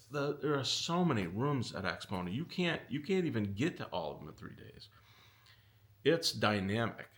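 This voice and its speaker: A middle-aged man hosting a casual commentary video, talking with animated exasperation that pushes his pitch up. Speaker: audio company owner and video host.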